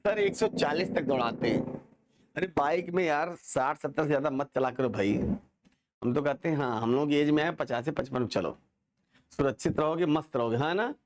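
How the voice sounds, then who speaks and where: थोड़ी ऊँची आवाज़ वाला एक पुरुष शिक्षक, कक्षा में जोश और मज़ाक के साथ पढ़ाता हुआ। बार-बार छात्रों से सवाल पूछता है और शब्द दोहरवाता है।. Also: male voice, on the high side, normal speed. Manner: animated, joking, asks students to repeat. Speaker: teacher. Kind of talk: lively classroom lesson.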